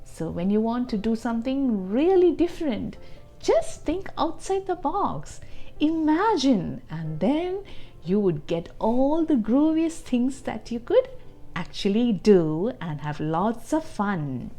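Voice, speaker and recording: This clip features a woman reading a children's storybook aloud as host, slowly and expressively, with asides and questions for little ones. Her slightly high, mellow voice has a sing-song lilt, and soft music plays behind her.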